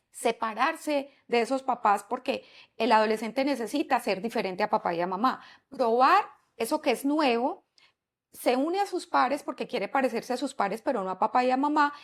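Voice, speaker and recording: A woman psychologist, explaining parenting ideas in a podcast interview, often asking rhetorical questions. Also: fairly high pitch. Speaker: psychologist and parenting expert guest.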